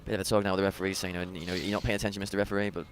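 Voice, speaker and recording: A British man calls a college soccer match as the color commentator. He talks very fast in a lowish voice and keeps breaking down the tactics like a coach, leaning on "you know" and "uh" as he goes. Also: level tone, a little hiss or hum. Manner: analytical, coaching tone with frequent fillers. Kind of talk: live sports commentary.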